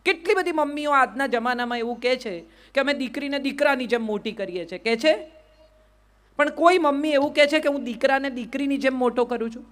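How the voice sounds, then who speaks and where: A woman's voice: high voice, fairly quick, fairly bright tone. A middle-aged woman with a Gujarati accent gives a motivational speech to a live audience. She keeps asking the crowd rhetorical questions and repeats "yes or no". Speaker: public speaker.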